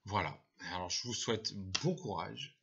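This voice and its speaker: Low husky teacher, dull lo-fi sound. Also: male voice, lively intonation, a little slow, sharp tone. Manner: patient, explanatory, many fillers and restarts. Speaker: first-grade teacher. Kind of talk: casual spoken advice to parents. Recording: dull lo-fi recording.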